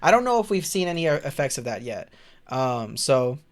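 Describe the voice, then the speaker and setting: A man's voice: medium pitch, big pitch swings, normal speed. A man casually reading aloud and commenting on the news as a streamer, rambling, stumbling over words, blunt and exasperated, with swearing.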